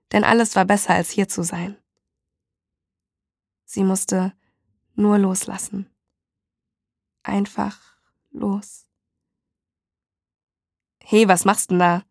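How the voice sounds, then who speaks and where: Woman narrating a story in a gravelly voice. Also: medium pitch, no room sound, studio quality. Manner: steady, measured reading.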